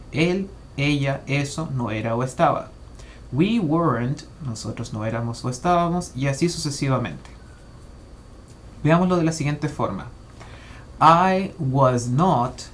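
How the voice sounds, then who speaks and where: Male teacher, mid-pitched, methodical explainer, faint noise behind. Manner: methodical, slows to spell out English example phrases. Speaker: English teacher. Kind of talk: explanatory grammar lesson.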